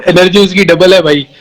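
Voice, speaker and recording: A man in his thirties, a guest on a phone video chat, talking in a relaxed, reflective way. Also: mid-range voice, rough recording. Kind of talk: casual live video chat. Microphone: phone on a video call.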